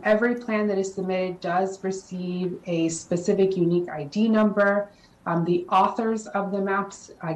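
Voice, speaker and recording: Lowish-voiced woman presenting in an echoey chamber. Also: darkish tone. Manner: measured, explanatory, frequent ums and uhs. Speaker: redistricting consultant presenting to a city council. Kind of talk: formal presentation. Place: council chamber.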